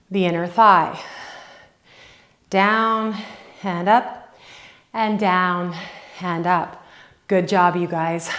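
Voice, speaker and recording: A woman fitness instructor guides a workout from her home, calling out counts and cues at a slow, deliberate pace. Her voice sits in a middle register, and she encourages the viewer as she coaches through each rep. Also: medium pitch, a bit bright. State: out of breath at times.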